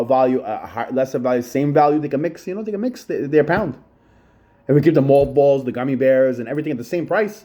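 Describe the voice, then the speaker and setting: A man's voice: mid-range voice, dark tone. A middle-aged man, rambling profanely in a solo monologue about his childhood, repeating himself and saying "yo" often. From Long Island, New York. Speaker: channel host.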